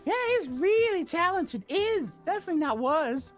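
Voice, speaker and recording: An earnest young anime songstress, speaks in a very high voice with overacted devotion. It is a fan dub style delivery, with music playing behind it. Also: female voice, very animated, moderate pace. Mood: earnest, admiring.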